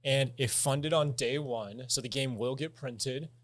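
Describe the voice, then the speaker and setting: A man's voice: mid-range voice, a little slow. A man co-hosting a podcast, trading upbeat and playful banter in casual chat. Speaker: podcast co-host.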